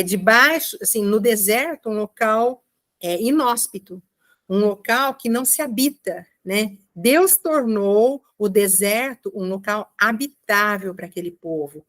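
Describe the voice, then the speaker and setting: A woman giving a commented Bible reading, explaining slowly with frequent checking asides. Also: medium pitch. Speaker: Bible teacher.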